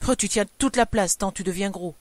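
A woman reading a story aloud, voicing a scornful, nagging middle-aged wife in a shrill, scolding voice. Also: a little fast, no room sound, lightly acted.

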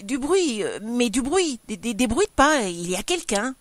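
A woman reading a story aloud, voicing a scornful, nagging middle-aged wife in a shrill, scolding voice. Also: fairly quick, no echo, natural voice. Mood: frightened.

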